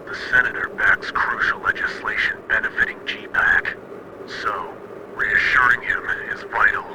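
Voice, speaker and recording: A man's voice: mid-range voice, wildly swooping pitch, normal speed. A man playing a stern military commander over walkie-talkie static. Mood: commanding. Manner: clipped, formal, commanding. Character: stern male military commander briefing a soldier. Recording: heavy radio static.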